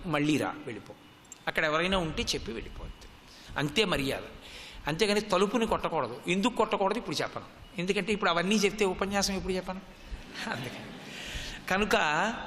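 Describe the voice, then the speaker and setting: A man's voice: sits high, pushed and bright. A middle-aged man giving a devotional sermon, telling stories with rhetorical questions and chanted Sanskrit verses. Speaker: religious discourse speaker. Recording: long hall reverb.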